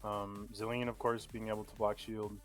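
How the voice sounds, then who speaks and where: Low-voiced man calling an esports draft. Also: normal speed, soft background music. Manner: steady play-by-play, frequent ums. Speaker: play-by-play caster. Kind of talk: live esports draft commentary.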